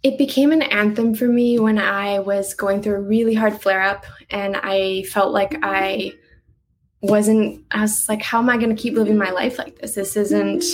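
A young woman talking casually about her music in an interview, chatty and quick to laugh, with lots of "like" in her speech. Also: medium pitch, poor audio. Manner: chatty, uses "like" a lot, laughs easily. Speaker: guest musician.

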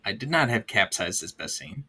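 A man's voice: on the low side, big pitch swings, normal speed, bright, forceful tone, slightly rough. A man hosting a casual film podcast, running through scenes and stammering at times. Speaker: podcast host.

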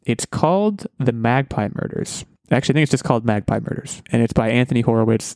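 A man's voice: medium pitch, a little mellow, no echo. Guy hosting a podcast, rambly and jokey, mid voice, dry close mic. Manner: rambling and jokey, full of fillers and restarts. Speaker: podcast host. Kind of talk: casual podcast chat.

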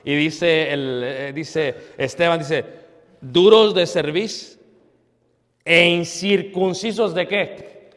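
A man preaching a sermon as a pastor, asking rhetorical questions and swinging between loud emphasis and hushed asides. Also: on the high side, steady tone, takes it slowly. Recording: long hall reverb.

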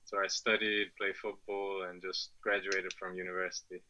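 The audio has its highs cut off and a little hiss or hum. A low-pitched man speaks flatly at normal speed with a pushed, bright tone. In his twenties, from Afghanistan and raised in England, he gives casual podcast answers, hesitant and laughing often, with many fillers and restarts.

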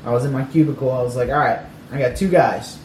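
A man's voice: mid-range voice, fast, a little mellow, echoey room, distant mic, a little hiss or hum, rough recording. A man chatting as a podcast guest, joking and playfully argumentative over beers. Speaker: podcast guest, baseball front office staffer. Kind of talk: casual chat over beers.

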